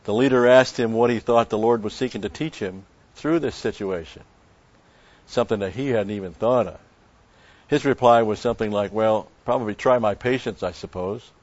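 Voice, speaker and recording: A man preaching a sermon in a measured way, with emphatic stresses. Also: lowish voice, a little mellow, no echo, dull audio. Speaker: pastor.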